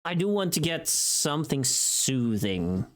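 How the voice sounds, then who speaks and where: Unhurried but very animated, a streamer chats casually, wandering from topic to topic with mild swearing. The medium-pitched voice is close to the mic and tired from hours of recording.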